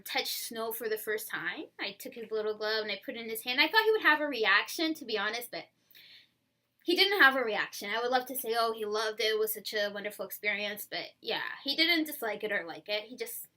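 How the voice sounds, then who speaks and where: Woman, first-time mom vlogger; casual, rambling home chat with laughs; bright, slightly high voice. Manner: chatty and rambling, often laughing.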